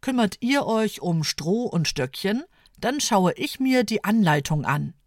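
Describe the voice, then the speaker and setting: Woman voicing an easygoing father, calm and obliging, storybook. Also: medium pitch, unhurried, no room sound, studio quality. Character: friendly dad, easygoing.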